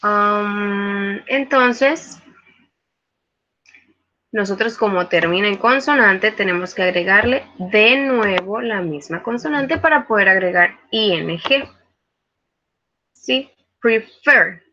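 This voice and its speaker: Bright-voiced woman tutoring online. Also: mid-range voice, muffled recording. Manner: patient, explanatory, with frequent hesitations. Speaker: virtual tutor teaching English. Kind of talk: live online class.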